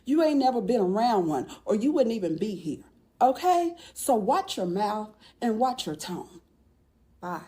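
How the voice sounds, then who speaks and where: A woman delivers a sharp scolding in a mellow voice. Her pitch swings widely, rising and falling as she speaks. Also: sing-song, a little slow.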